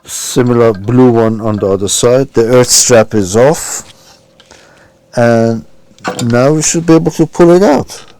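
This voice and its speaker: Working with his hands, a man talks hesitantly through an unscripted, informal repair, step by step. He speaks a little slowly in a mid-range voice with a dark tone and no echo, while clear background noise and handling clicks come through.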